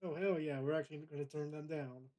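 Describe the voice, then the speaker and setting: A man's voice: on the high side, fairly even intonation, fast, mellow. A man streaming a game from home, joking and bluntly cursing as he comments. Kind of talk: casual gameplay commentary.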